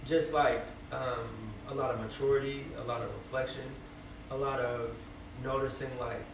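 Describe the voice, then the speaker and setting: In a casual interview, a twenty-something rapper with a Bay Area accent chats loosely and reflectively, full of fillers and "you feel me." His medium-pitched voice stays fairly even at a moderate pace. The recording is noisy, with a distant mic in an echoey room.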